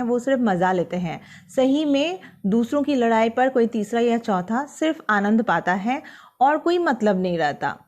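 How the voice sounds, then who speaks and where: A woman teacher explaining a poem to school students, reading its lines slowly and then explaining them in plain words. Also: fairly high pitch, a little mellow. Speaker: Hindi teacher.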